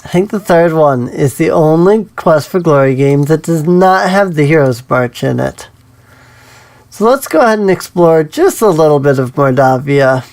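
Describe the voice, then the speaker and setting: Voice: medium pitch, lively intonation, moderate pace, darkish tone. A let's play host giving casual gameplay commentary, musing aloud a little hesitantly. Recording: game music behind the voice. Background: video game music with plucked guitar.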